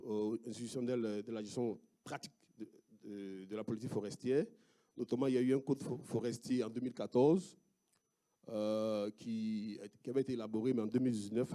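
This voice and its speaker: A man with an Ivorian French accent, a sociologist giving an academic talk with slides, speaking haltingly with many fillers and restarts. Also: medium pitch, mellow. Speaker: sociologist presenting research.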